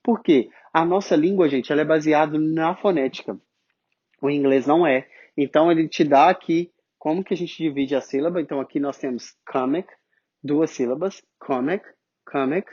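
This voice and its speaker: A man with a Brazilian Portuguese accent teaching English pronunciation, explaining step by step and drawing out sounds slowly to demonstrate them. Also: a little high, a little mellow, lo-fi sound. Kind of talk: online phonetics lesson.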